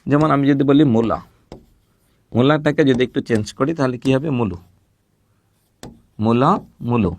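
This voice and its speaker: A man teaching a recorded grammar lesson, patiently repeating words slowly and asking questions he then answers himself. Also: medium pitch, darkish tone.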